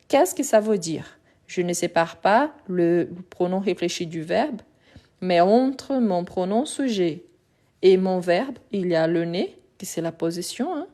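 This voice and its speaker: A woman's voice: fairly low pitch, a little mellow. Patient woman teaching French grammar. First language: Portuguese. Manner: patient, explains step by step, repeats examples. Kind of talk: live grammar lesson.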